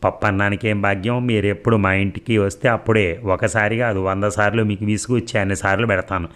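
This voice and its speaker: A man's voice: on the low side, fairly even intonation, fairly quick, a bit bright, lightly acted. A man reading the part of a shy young city woman who answers with humble politeness. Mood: polite.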